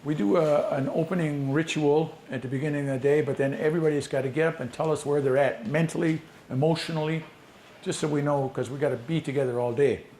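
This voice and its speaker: A man's voice: a little high, steady tone, fast, a little mellow. Guy teaching a language workshop, plain matter-of-fact answers, mid voice, echoey room. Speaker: language teacher presenting a session. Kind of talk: conference Q&A. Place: conference breakout room. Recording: echoey room, mic from a distance, faint noise.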